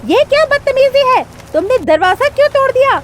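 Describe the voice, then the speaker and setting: A woman voicing a greedy, scheming male crow in a cartoon, with a shrill, boastful manner. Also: lively intonation, unhurried, background noise. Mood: indignant.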